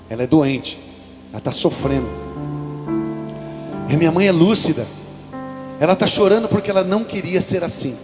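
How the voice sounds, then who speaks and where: A Brazilian man preaching at a religious event, telling a personal story and speaking directly to the congregation. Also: high-pitched. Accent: Brazilian Portuguese. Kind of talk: sermon. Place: large hall at a religious event. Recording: live hall reverb with music behind.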